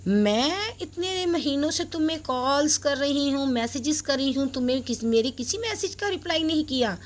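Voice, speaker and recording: A woman voicing Arusa, a spoiled, haughty young wife who talks in a sharp, huffy way. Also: sits high, lively intonation, normal speed, slight background noise, pitched above the performer's own voice.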